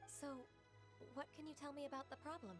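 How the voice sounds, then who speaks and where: An actress voicing a calm, composed young secretary in a video game, speaking gently, politely and with assurance. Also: female voice, high-pitched, a little fast, music in the background, lightly acted.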